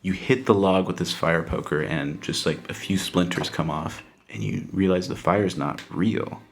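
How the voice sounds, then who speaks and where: A man's voice: low-pitched, normal speed, creaky, a little hiss or hum. A man narrating a tabletop role-playing game as game master. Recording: roomy, echoing sound.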